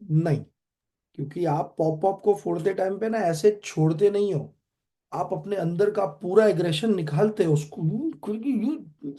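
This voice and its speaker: Indian man teaching physics, mellow voice. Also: high-pitched, normal speed. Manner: quizzing students, mixing Hindi and English. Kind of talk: online class lecture.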